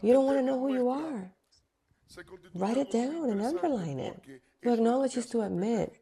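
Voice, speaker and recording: Mellow-voiced woman preaching emphatically. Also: a little high, expressive, moderate pace. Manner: emphatic, repeats key phrases. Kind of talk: sermon.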